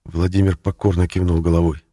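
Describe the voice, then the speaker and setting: A man narrating a novel in a steady, measured reading voice. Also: low-pitched, dry recording, clean studio sound. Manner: steady, measured reading, rises to loud acted shouts. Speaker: audiobook narrator. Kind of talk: scripted narration.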